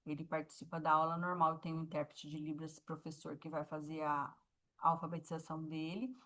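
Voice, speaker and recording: A woman's voice: low voice, level tone, a little fast, sharp tone. Patient Brazilian woman teaching a class. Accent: Brazilian Portuguese. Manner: patient, explaining, with frequent check-ins. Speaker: sign language teacher. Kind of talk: online class explanation.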